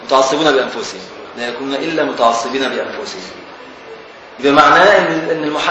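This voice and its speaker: Egyptian male teacher, questioning style, distant mic in a reverberant lecture room. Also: medium pitch. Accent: Egyptian Arabic. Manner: questions and teases students while explaining. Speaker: teacher of Islamic law texts. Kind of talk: classroom text commentary. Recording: very echoey, distant from the mic, faint hiss.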